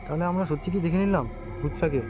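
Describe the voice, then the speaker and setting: Night exploration vlogger: excitable man, high voice, quick and repetitive, outdoors with crickets. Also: over music, poor audio. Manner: excitable, repeats phrases. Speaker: ghost hunting vlogger. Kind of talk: night exploration vlog, casual commentary to companions and viewers. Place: outdoors at night in a rural wooded area. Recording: outdoor night recording with faint noise. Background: crickets and insects.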